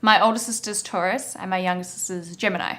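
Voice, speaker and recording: A woman's voice: mid-range voice, fairly even intonation, fast talker, pushed and bright. A young woman from New Zealand with a New Zealand accent, a model answering interview questions in easygoing, brief replies.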